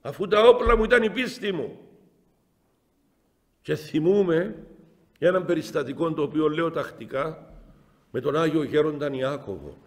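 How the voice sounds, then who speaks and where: A middle-aged man with a Cypriot Greek accent, a bishop telling stories in a spiritual talk, swinging between loud exclamations and soft asides. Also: on the high side, lively intonation, pauses often. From Cyprus. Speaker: metropolitan bishop. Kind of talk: spiritual talk answering the faithful. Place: chapel. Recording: long chapel reverb.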